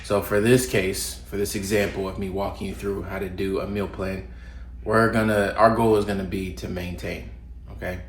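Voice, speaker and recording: A young man with a deep voice, speaking at a normal speed and slightly congested from a cold, gives casual fitness advice to the camera. He's a fitness vlogger, relaxed and loose, full of ums and restarts. It's a roomy home recording with faint ambience and a little hiss or hum.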